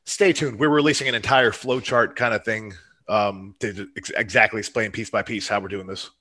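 A man who runs competitions, chatting fast and getting fired up and preachy about his mission. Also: fairly low pitch, fairly even intonation, bright, forceful tone. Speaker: competition promoter. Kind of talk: casual chat.

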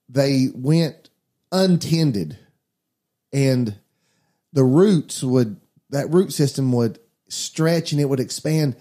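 Earnest preaching man, mellow voice. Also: medium pitch. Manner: earnest, preachy, addresses listeners as guys. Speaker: pastor. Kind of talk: casual faith talk.

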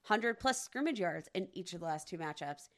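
A woman's voice: fairly low pitch, animated, normal speed. A woman co-hosting a casual sports podcast, talking emphatically and teasing her co-host, with many fillers.

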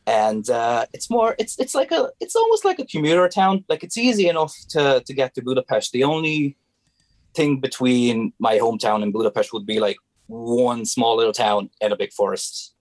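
A man's voice: medium pitch, expressive, normal speed, no room sound. A young man from Hungary, a native Hungarian speaker with a Hungarian accent, talking as a guest in a casual interview and often restarting his sentences as he searches for words.

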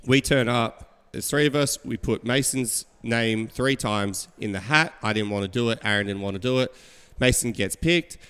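Male podcast host, animated storyteller, smooth tone, reverberant room. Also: medium pitch, moderate pace, hardly any pauses. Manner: animated storyteller, acts out quotes. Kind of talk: casual chat.

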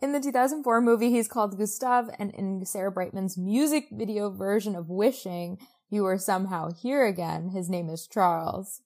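A podcast co-host with a medium-pitched voice recaps a book at a moderate pace with hardly any pauses. Her chat is casual, animated and exclamatory, full of "like".

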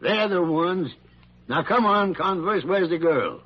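A man's voice: sits high, animated, a little slow, husky, exaggerated voice. An actor playing a crusty but kindly older male doctor, fussy and emphatic, in classic radio drama style. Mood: gruff, taunting. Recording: muffled, noisy vintage radio recording.

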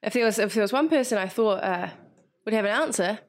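A woman's voice: mid-range voice, quick pace. A woman with a New Zealand accent hosts a casual panel podcast, talking informally with dry, ironic humour. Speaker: podcast host. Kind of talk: casual, joking panel chat.

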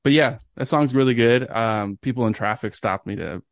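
A young man co-hosts a podcast, chatting casually and telling stories with enthusiasm and some casual swearing. He has a medium-pitched, creaky voice at a moderate pace, captured in a dry, clean studio recording.

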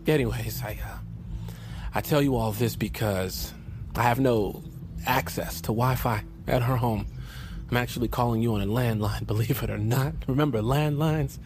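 Actor as glib, rambling slacker. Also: male voice, mid-range voice, normal speed, slight background noise, close to an everyday voice. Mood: feigned sorrow. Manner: stammering, rambling, deadpan. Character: glib, evasive young male slacker dodging debts. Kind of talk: comedy film acting.

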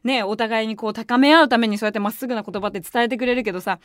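A woman hosts a casual radio talk show, racing through her stories with animated, excitable energy. Her voice sits a little high, and the studio sound is dry and close, with no room echo. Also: racing. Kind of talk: casual solo radio chat. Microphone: studio microphone.

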